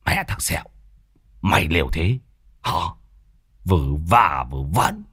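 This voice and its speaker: A man voicing a sly, hot-tempered older village sorcerer, scolding gruffly and muttering. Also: deep voice, wildly swooping pitch, slow pace, fairly bright tone, no room sound, studio quality, voice pushed down, heavily acted.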